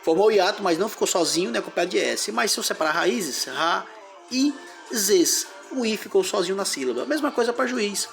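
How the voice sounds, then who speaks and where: A man's voice: sits high, expressive, fast talker, gravelly, few pauses, a bit bright, soft background music. A man teaching a grammar lesson, explaining step by step and splitting words into syllables.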